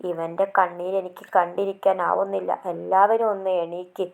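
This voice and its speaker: A woman's voice: on the low side, flat delivery, moderate pace, gravelly. A woman reading a story aloud, voicing an anxious middle-aged mother who pleads over her son. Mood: distraught. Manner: distraught, pleading.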